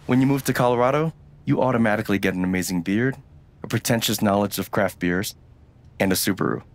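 A man's voice: on the low side, fast, natural voice. An actor playing a young adult man who jokes with and teases his sibling in easy banter. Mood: playful. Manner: joking and teasing, warm banter. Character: teasing, goofy young adult brother. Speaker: older brother.

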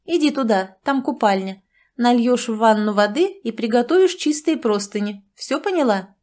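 A woman's voice: fairly high pitch, lively intonation, moderate pace, darkish tone, close to an everyday voice. A woman voicing a haughty, dismissive noblewoman who drawls her orders in a fantasy audiobook. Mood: condescending.

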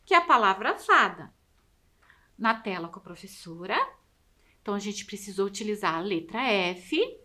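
Brazilian woman, teacher, slow and patient pace, lively rising and falling pitch, sounds out every syllable. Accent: Brazilian Portuguese. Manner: syllable-by-syllable, exaggerated enunciation. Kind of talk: slow, drawn-out classroom instruction for children.

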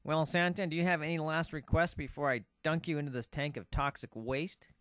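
A man's voice: fairly high pitch, steady tone, fairly quick, a bit bright, close to an everyday voice. A man playing a gloating, silly villain in an amateur cartoon, mock-menacing and chatty. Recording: faintly noisy amateur recording with clicks.

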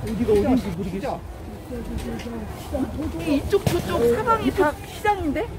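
A woman's voice: high voice, sing-song, normal speed. A middle-aged woman vlogging outdoors, chatting and muttering to herself while talking through a face mask. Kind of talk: casual vlog chat at a market. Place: outdoor market street.

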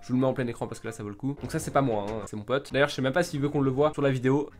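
A man's voice: medium pitch, steady tone, rapid-fire, a little mellow. A young man, a gaming YouTuber, casually commenting on his old videos in a jokey, self-mocking way, laughing often and swearing casually into a desktop mic. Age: young adult.

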